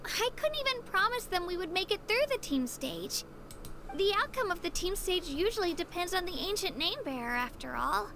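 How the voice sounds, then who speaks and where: A woman voicing a shy, earnest young woman in a video game, who speaks gently and a little unsure of herself. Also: extremely high pitch, lively intonation, moderate pace, gravelly, noisy background, heavily acted. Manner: gentle, a little self-doubting.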